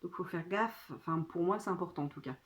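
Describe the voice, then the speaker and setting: A woman's voice: fairly low pitch, brisk. A woman chatting casually to her phone during an unboxing, talking in a hesitant way full of fillers. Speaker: vlogger. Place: at home.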